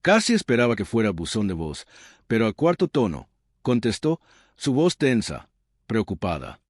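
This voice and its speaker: A man narrating a suspenseful first-person story with a low voice that swings widely in pitch. His delivery is measured and dramatic, and the sound is dry and close with no room around it. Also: wildly swooping pitch, no echo.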